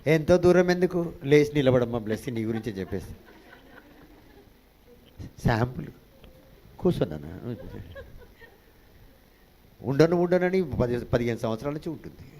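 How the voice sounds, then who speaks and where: A man's voice: mid-range voice, sing-song, moderate pace, long pauses, dark tone, a little hiss or hum. A male pastor preaching a sermon, calling out to the congregation for responses and dropping in English phrases.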